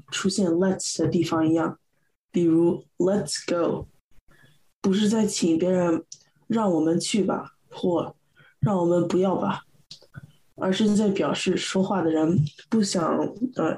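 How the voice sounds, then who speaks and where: Low, mellow-voiced woman teaching English. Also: low-quality recording. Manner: calm explaining with small fillers. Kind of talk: explaining English phrases in Chinese.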